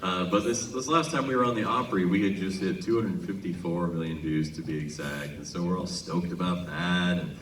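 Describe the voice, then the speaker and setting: A Minnesota-born American singer tells funny stories to a concert crowd between songs, talking conversationally and pausing deliberately before each punchline. His voice sits low and steady with a slightly bright edge. It was recorded in a large casino concert venue, where the hall echoes and the PA sounds distant and noisy.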